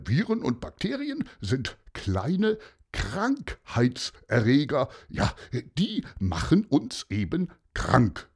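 A man's voice: mid-range voice, slightly rough, exaggerated voice. A man voicing an enthusiastic friend who explains things in a children's story. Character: eager grown-up friend explaining the body.

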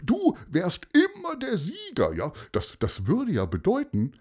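A man plays a fair-minded companion in a children's audio story. He reasons patiently and ends his points with "ja?". His husky voice sits above the narrator's and moves up and down a lot. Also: high-pitched, huge pitch swings, unhurried, darkish tone, pitched above the performer's own voice, heavily acted. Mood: explaining. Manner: explaining, ending with "ja?".

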